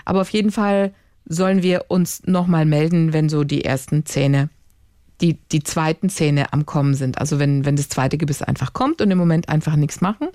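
A woman's voice: low-pitched, moderate pace, warm tone, no echo. Woman telling parenting stories, dry sound. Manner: storytelling, acts out quoted voices. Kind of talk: casual chat.

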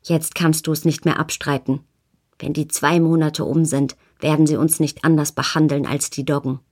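A woman's voice: deep voice, flat delivery, moderate pace, darkish tone, husky. A woman voicing a proud, scornful woman with tightly controlled anger in an audiobook. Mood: bitter. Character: proud angry woman in a fur coat, defiant.

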